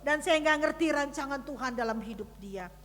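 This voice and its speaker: High, bright-voiced woman preaching in a church. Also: animated, fairly quick, big-room sound. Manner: dramatic storytelling with big swings in loudness; addresses the congregation directly. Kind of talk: sermon. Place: church service.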